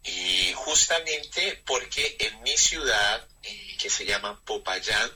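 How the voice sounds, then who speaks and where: A man in his thirties with a Colombian accent, a friar speaking reflectively and with pauses in an interview. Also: on the low side, expressive, sharp tone, slight background noise, rough recording. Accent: Colombian Spanish. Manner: reflective, measured, with frequent hesitations. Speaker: Carmelite friar. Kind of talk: interview conversation.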